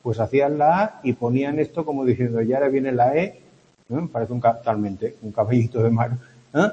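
A man's voice: mid-range voice, a little fast, warm tone. A man from Spain lecturing a class as a teacher, explaining step by step and often checking in with a questioning hum. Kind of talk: classroom lecture on Latin abbreviations. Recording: dull lo-fi sound in a reverberant hall.

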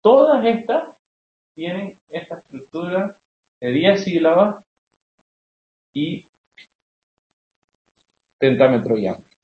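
Speaking slowly with long pauses, a young man lectures on poetry, his high voice swinging widely in pitch. He's a literature teacher who explains as he goes and keeps checking with questions that the class is keeping up. The classroom recording is dull and roomy.

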